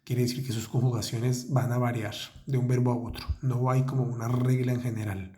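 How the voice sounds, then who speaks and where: A man teaching French in Spanish in a patient, methodical way. He slows down to model each French word. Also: mid-range voice, level tone, warm tone. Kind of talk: language lesson.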